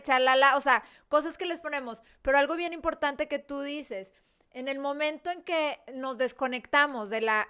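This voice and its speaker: A woman's voice: high voice, pushed and bright. A woman hosting a casual chat, adding to her guest's points with chatty affirmations.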